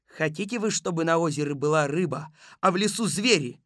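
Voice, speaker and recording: A man's voice: a little high, animated, fairly quick, fairly bright tone, no room sound, studio quality. Kolobok, a man voicing a rousing detective. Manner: rousing speech-making. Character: earnest male detective chief, persuasive orator. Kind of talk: audiobook reading.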